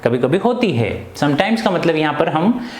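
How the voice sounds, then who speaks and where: A man's voice: a little high, very animated, a little hiss or hum. Man teaching a poem, echoey room. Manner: reads English lines very slowly, then explains in Hindi with questions to pupils. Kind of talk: classroom poetry lesson.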